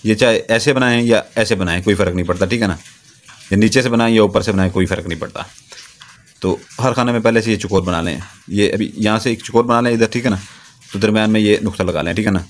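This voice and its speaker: A man teaching a ritual step by step in a steady, repetitive way, often checking that the listener is following. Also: fairly low pitch, fast. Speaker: spiritual practitioner teaching a ritual. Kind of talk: step-by-step instruction.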